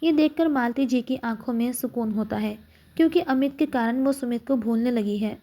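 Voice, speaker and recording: A woman narrating an emotional family story with a steady, expressive reading. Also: a little high, moderate pace.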